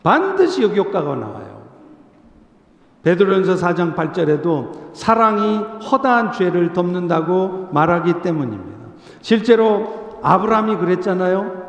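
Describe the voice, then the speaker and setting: A male Korean pastor preaching a sermon earnestly, sometimes acting out a gentle parent's words. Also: high voice, gravelly. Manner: earnest, coaxing, acts out gentle parent lines. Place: church sanctuary. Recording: echoey church hall.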